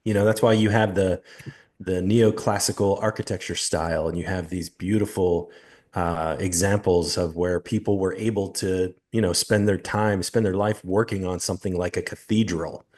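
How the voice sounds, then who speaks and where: Forties male co-host, deep low pitch, laid-back and chatty. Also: steady tone, moderate pace, a little mellow. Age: 40s. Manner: easygoing, laughs often, lots of fillers. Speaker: podcast co-host. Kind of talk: casual chat.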